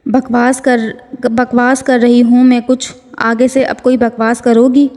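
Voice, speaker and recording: A woman's voice: on the high side, level tone, a little mellow, lightly acted. Fiery young friend, read by a woman. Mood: scolding. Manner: scolding. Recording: long hall reverb.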